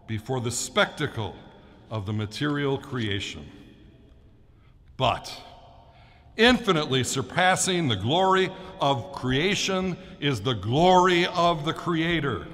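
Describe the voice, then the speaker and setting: Slow, dramatic male preacher in echoing church. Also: a little high, fairly bright tone. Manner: oratorical, deliberate, emphatic phrasing. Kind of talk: formal scripted homily. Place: large church during Mass. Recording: long echo of a big church.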